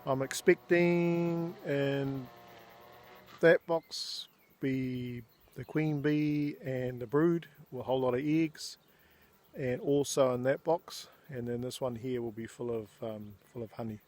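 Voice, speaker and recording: A man's voice: medium pitch, steady tone, slow, darkish tone. A middle-aged man with a Māori New Zealand English accent, talking casually and unhurriedly with hesitations as he films a walk-around vlog outdoors. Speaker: vlogger showing family land. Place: outdoors on rural land. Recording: noisy outdoor amateur recording. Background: clear outdoor noise, birds.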